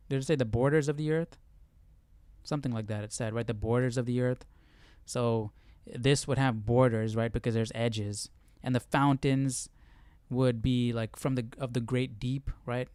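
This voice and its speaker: A man hosts a casual Bible study livestream, talking informally through the session and often checking in with "right?" His voice is medium-pitched, a little mellow, and smooth, in a dry recording.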